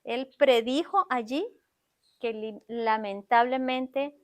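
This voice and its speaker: A woman with a high-pitched voice delivers a sermon from the pulpit of a church. She speaks straight to her congregation and keeps stopping to ask them questions. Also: takes it slowly. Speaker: preacher. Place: church sanctuary.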